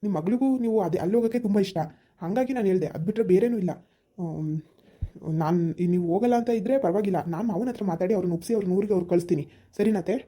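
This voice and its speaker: A woman voicing a young son-in-law who calmly talks his mother-in-law round in a village family drama. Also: medium pitch, rapid-fire, slightly rough, close to an everyday voice. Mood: persuading. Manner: persuasive, repeated appeals. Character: reasonable young son-in-law, calm persuader.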